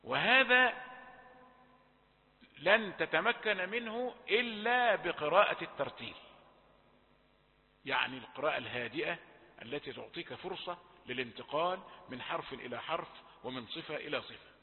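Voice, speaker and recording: A man with an Egyptian accent teaching recitation rules, moving between formal and colloquial speech and drawing out example words slowly. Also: on the high side, lively intonation. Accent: Egyptian Arabic. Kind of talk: tajweed lesson. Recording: tinny phone-like audio, long reverb.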